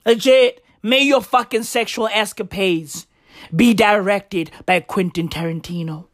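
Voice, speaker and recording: A woman on a profane comedic rant with frat-bro slang, swinging between shouts and low asides and often checking in with short tag words. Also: a little slow, no room sound, clean studio sound. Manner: frat-bro slang delivery, repeated "bruv", "right?" and "legit".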